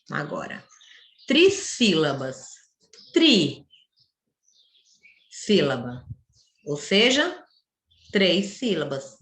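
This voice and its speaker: A woman teaches young children online, breaking words into syllables slowly and patiently. Her voice is bright and rises and falls a lot as she guides them. The room around her is echoey. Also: lowish voice. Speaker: primary school teacher. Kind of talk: online class lesson.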